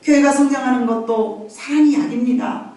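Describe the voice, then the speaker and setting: In a church sanctuary, a woman preaches a conversational sermon, acting out the voices of family members and laughing often. Her voice is high-pitched with a dark tone, fairly even intonation, and a moderate pace, and it's recorded from far off in an echoey hall.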